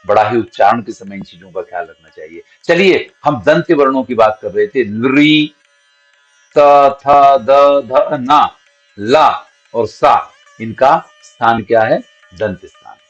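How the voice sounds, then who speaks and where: A male teacher working through a grammar lesson, pronouncing syllables one at a time to show how each is formed. He speaks at a mid pitch, and the recording is dull and lo-fi. Soft instrumental music plays faintly underneath. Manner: explains patiently, sounds out each syllable slowly as an example.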